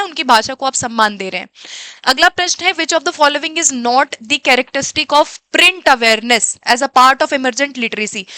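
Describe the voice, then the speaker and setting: High, bright-voiced woman teacher. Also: no room sound. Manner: explains by asking questions and answering them herself; switches between Hindi and English terms, reads English questions slowly. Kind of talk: exam-prep lesson.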